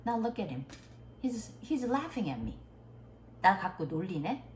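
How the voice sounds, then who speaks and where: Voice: mid-range voice, big pitch swings, extremely slow, reverberant. Woman doing an indignant school teacher. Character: annoyed school staff member scolding a parker.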